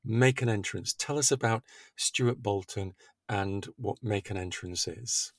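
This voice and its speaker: A man's voice: on the low side, unhurried, no echo, clean studio sound. A man from Yorkshire with an English accent, hosting a podcast in a polite, rather formal way. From Yorkshire, England. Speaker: podcast host, managing director.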